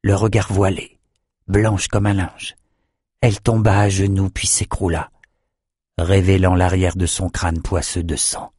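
Low-voiced man narrating a fantasy audiobook. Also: little pitch movement, a little slow, a little mellow, slightly rough, no echo, studio quality.

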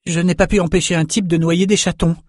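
Troubled young guy voiced by a male reader, defensive, strained, higher voice, dry. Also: level tone, fairly quick, no room sound. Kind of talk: audiobook character voice.

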